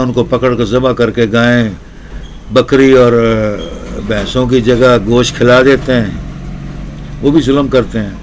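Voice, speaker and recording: A man's voice: mid-range voice, a little hiss or hum. Rambling male storyteller. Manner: rambling, piles up repetitive lists. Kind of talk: casual spoken storytelling with commentary.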